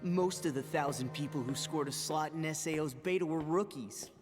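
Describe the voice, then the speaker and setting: A man's voice: on the high side, moderate pace, natural voice. An actor voicing a cocky teenage male swordsman gamer who talks in a boastful, scornful way, heard in an anime clip. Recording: anime clip with reverb and music.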